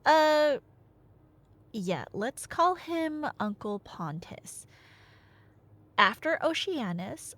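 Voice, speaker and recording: A woman plays a nerdy girlfriend in an ASMR roleplay, recounting Greek myths in a conversational way, adding playful asides and dramatic pauses. Her voice is medium in pitch.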